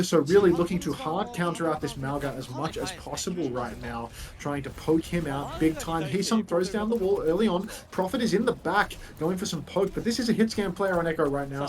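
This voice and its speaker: A man giving live esports play-by-play as a caster, full of slang and chatty asides. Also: on the high side.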